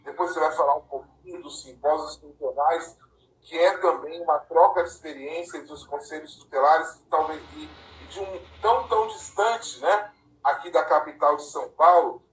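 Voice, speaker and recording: A man's voice: fairly high pitch, a bit bright, slight background noise. A man from Paraná hosting a casual live-stream chat, talking conversationally and often ending with a tag question. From Paraná, Brazil. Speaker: live-stream host and councilors' association president. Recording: echoey room, distant from mic.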